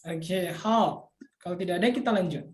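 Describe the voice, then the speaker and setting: A woman teaching a Mandarin tone lesson over an online class, patiently repeating examples slowly. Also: lowish voice, roomy sound.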